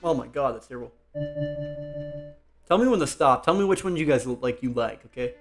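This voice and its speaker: A man's voice: medium pitch, lively intonation, fairly quick, music in the background. Rambling young man streaming casually. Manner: rambling, self-talking, thinks aloud; speaks louder than usual to project. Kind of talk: casual live-stream chat.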